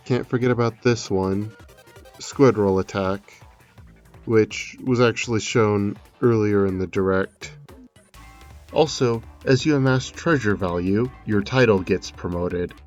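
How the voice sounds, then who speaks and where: A man with a lowish voice gives scripted commentary analyzing a video game, dropping in casual, conversational asides. The recording sounds lo-fi, with music playing beneath him.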